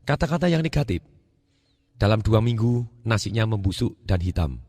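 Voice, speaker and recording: A middle-aged Indonesian man giving a motivational talk, animated, repeating words for emphasis and acting out dialogue. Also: fairly low pitch, moderate pace, dry recording, studio quality. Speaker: motivational speaker.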